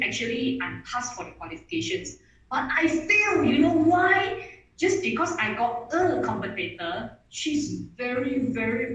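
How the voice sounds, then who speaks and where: A woman whose first language is Mandarin speaks at a webinar, giving an online presentation in a voice that sits a touch high. Recorded from a distance in an echoey room, she sounds off-mic with echo around every phrase, and she eagerly starts her sentences over.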